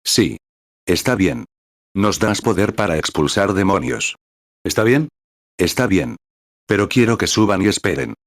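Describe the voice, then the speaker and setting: A man reading a translated sermon aloud in a steady, measured way, calling out verse and paragraph numbers as he retells scripture stories. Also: low voice, no room sound, studio quality. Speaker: sermon reader.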